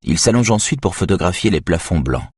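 Deep-voiced, husky man narrating an audiobook. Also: sing-song, brisk, a little mellow, dry recording, studio quality.

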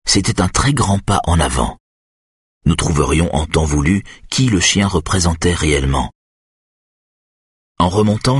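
Very deep husky male narrator. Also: no room sound, clean studio sound. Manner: calm, measured storytelling. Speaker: audiobook narrator. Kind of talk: scripted first-person narration.

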